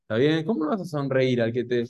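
Animated Rioplatense man teaching Torah. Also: mid-range voice, fast talker, no echo. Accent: Rioplatense Spanish. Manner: animated, asks the audience constant rhetorical questions. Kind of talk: Torah class to an audience.

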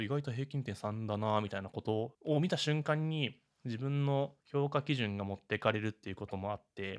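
Fast-talking man hosting a podcast. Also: mid-range voice, no room sound, clean studio sound. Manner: fast-talking, animated, chatty. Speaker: podcast host. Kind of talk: casual solo podcast talk.

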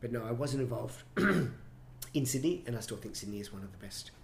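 A middle-aged man, a choreographer and director, telling stories with animated enthusiasm in an interview. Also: mid-range voice, moderate pace, gravelly, a little hiss or hum. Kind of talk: conversational interview. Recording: roomy echo, faint ambience.

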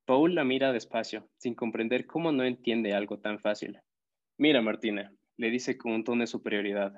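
Male storybook narrator, steady reading, medium pitch, slightly dull recording. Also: fairly quick. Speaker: audiobook narrator.

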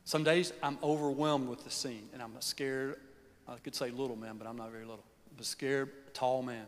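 A man's voice: medium pitch, fairly even intonation, moderate pace. A man preaching a sermon in a folksy, earnest way that often sinks to a near whisper. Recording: long hall reverb.

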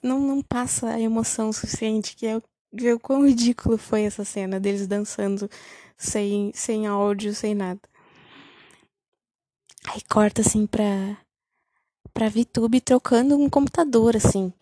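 Young woman, vlogger; sarcastic, incredulous recap delivery, mellow husky tone. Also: on the high side, dry recording. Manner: sarcastic, incredulous, animated retelling. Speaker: vlogger reviewing a film. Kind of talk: casual comedic recap.

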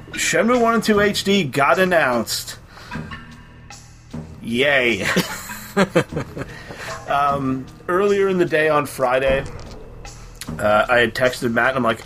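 A man's voice: medium pitch, sharp tone. Chatty man co-hosting a podcast. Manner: chatty, laughs easily, many fillers. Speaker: podcast co-host. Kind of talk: casual chat.

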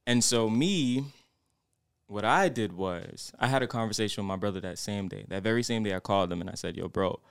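A man's voice: fairly low pitch, a little fast, creaky, clean tone, dry recording, clean studio sound. A young man co-hosting a podcast, telling a personal story in a reflective, rambling way with lots of fillers. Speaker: podcast co-host. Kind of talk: casual podcast chat.

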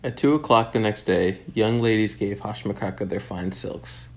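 A middle-aged man reading a children's storybook aloud at home in a steady, unhurried way. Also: on the low side. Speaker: storybook reader.

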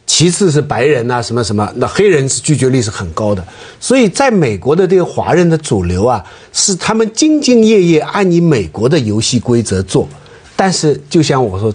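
A man's voice: a little high, a little mellow, husky. A man speaking as a guest on a panel talk show, pushing back on the others and citing figures to make his case. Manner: argumentative, cites statistics. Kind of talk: panel debate.

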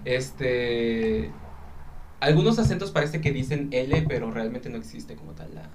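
A man's voice: medium pitch, animated, measured pace, a little mellow, slight background noise. Thoughtful man explaining things. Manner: explanatory, thoughtful, builds arguments. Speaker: podcast co-host. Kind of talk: casual chat.

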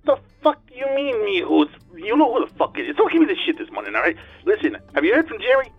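A man's voice: high voice, wildly swooping pitch, quick pace, gravelly, breathy edge, narrow, tinny audio, faint music behind, heavily acted. A man playing a foul-mouthed, short-tempered boss who swears and stammers over the phone. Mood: angry, rude.

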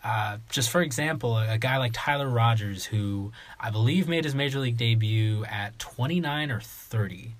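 A man co-hosting a sports podcast in casual chat, measured and explanatory with dry sarcasm. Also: mid-range voice. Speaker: podcast co-host.

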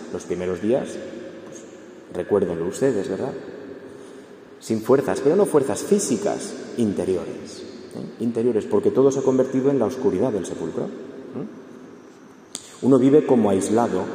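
A man's voice: fairly low pitch, dark tone. A man giving an earnest, conversational talk to an audience, often checking in with short tags. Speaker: speaker giving a talk on grief. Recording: echoey hall, faint background noise.

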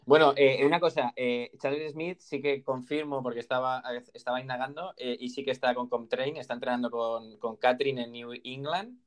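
A man's voice: medium pitch, fairly even intonation, normal speed, hardly any pauses. A man in a casual podcast chat, speaking hesitantly with many restarts.

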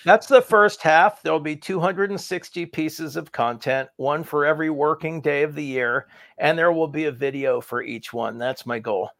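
Male interview guest, gravelly texture, dead-dry room, self-assured and wry. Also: fairly high pitch, normal speed, fairly bright tone, dry recording. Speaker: guest, speaking coach. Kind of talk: conversational interview.

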